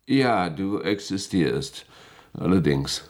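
In a German radio play, an actor voices a middle-aged male security chief who is authoritative and courteous yet guarded, speaking formal, deliberate officialese. His voice sits low with lively intonation, and his mood is guarded and insistent.

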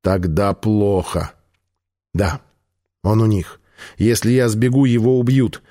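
A man voicing a gruff, grim bearded nomad in an audiobook reading, speaking slowly. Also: on the low side, fairly even intonation, mellow.

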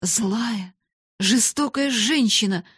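A woman's voice: mid-range voice, fairly even intonation, moderate pace, a little mellow, husky, dry recording, clean studio sound. A woman doing a proud, earnest poor young girl. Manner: restrained, earnest.

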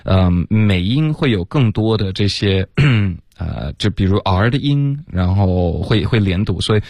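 A male English teacher on a radio lesson, his voice sitting very low. He explains pronunciation and mixes in English phrases. The sound is close and dry with no room. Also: animated, a little mellow, no echo. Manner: mixes English words into his talk, models words slowly.

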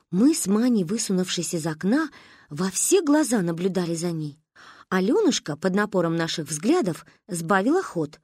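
A woman reading a children's story aloud in an expressive, lively storybook narration. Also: mid-range voice, breathy edge, dry recording, clean studio sound. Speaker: audiobook reader.

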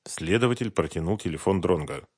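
Expressive male audiobook narrator. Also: deep voice, fairly quick, slightly rough, no room sound. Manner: expressive storytelling. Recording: dry close studio sound.

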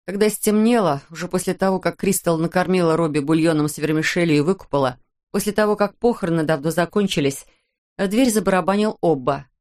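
Low-voiced woman reading a novel. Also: quick pace, darkish tone. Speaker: audiobook narrator. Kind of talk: scripted narration.

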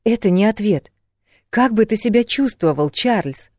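A man reading an audiobook, voicing a spirited, quick-tempered young woman who scolds and pleads. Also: high voice, a little mellow, no echo, studio quality, voice pushed up, close to an everyday voice. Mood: scolding.

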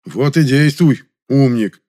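A man voicing a stocky, unshaven brawler in an audiobook, rough and hoarse. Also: medium pitch, animated, slow, mellow, voice pushed up. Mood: grumbling. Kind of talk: audiobook character voice.

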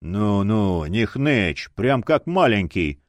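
A man's voice: on the low side, very animated, slow, dry recording, pitched below the performer's own voice. A man doing a sneering, bloodied cult leader. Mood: scolding. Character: menacing bloodied male cult leader, mocking.

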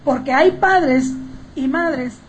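A woman's voice: high-pitched, slow pace, slight background noise. A woman preaching a sermon, emphatic and full of rhetorical questions to the congregation.

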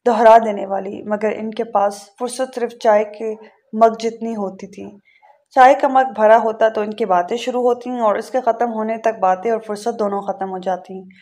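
A woman narrating a novel aloud in a calm, measured way, now and then correcting a word. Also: a little high. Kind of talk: audiobook reading of a novel.

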